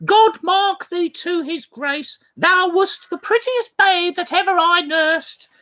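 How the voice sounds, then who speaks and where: A woman's voice: very high-pitched, takes it slowly, pushed and bright, heavily acted. A woman doing a giggling rambling old nurse. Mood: tender. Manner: rambling, giggling, wandering memories. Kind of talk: theatrical play reading.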